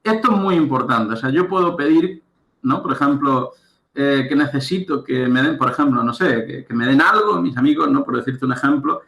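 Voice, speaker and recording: A man's voice: medium pitch, moderate pace, creaky, fairly bright tone, reverberant. A man giving a recorded lecture as a coach, explaining step by step and often checking understanding with "right?". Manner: explanatory, checks understanding with frequent "¿de acuerdo?" and "¿vale?".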